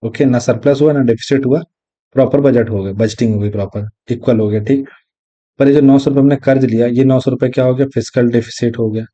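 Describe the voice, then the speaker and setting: A man teaching an exam lesson, explaining step by step and repeating key terms, reading definitions slowly. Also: medium pitch, fairly even intonation, dark tone. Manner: reads English definitions slowly. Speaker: exam tutor. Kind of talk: recorded lecture. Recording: dull lo-fi audio.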